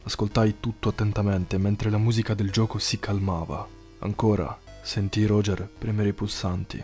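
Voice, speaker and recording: Man, horror story narrator, somber measured read, low mellow voice. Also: flat delivery, faint music behind.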